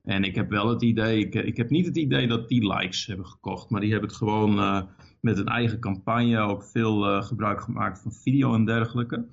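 A man's voice: fairly low pitch, fairly even intonation, a little fast, vocal fry, dull audio. A man hosting a casual radio interview, asking questions and often repeating words as he talks. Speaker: radio host.

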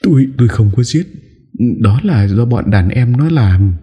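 A shifty middle-aged gangster woman, as a male reader puts her on, her voice dark and husky. She stammers and wheedles, sly but easily scared. An audiobook character voice, pitched above the reader's own. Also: expressive, measured pace, dull audio. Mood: frightened. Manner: stammering, pleading.

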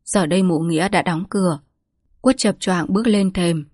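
Female storybook narrator, steady and even, dry close recording. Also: lowish voice, moderate pace, slightly rough, dry recording.

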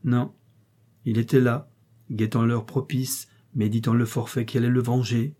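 A man's voice: mid-range voice, level tone, moderate pace, mellow. A man reading a novel aloud in the first person, with dramatic, emotional delivery. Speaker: audiobook reader.

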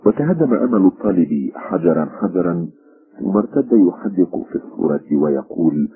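Deep husky male radio storyteller. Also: expressive, narrow, tinny audio. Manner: measured, literary storytelling. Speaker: narrator. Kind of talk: scripted radio story narration.

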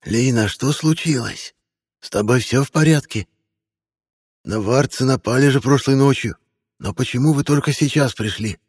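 Мужчина изображает старую травницу. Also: male voice, medium pitch, moderate pace, a little mellow, breathy edge, no echo, clean studio sound, big-room sound, voice pushed up, natural voice. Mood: worried. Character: old woman herbalist, fussing and caring. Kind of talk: audiobook character voice.

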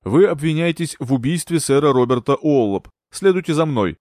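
A man's voice: a little high, lively intonation, moderate pace, a little mellow, dry recording, clean studio sound, natural voice. A man playing an officer who curtly and officially arrests a suspect. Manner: curt, official.

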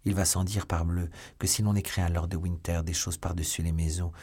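A man reading an audiobook, voicing an eager, bold young swordsman with a lively delivery. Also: deep voice, brisk, husky.

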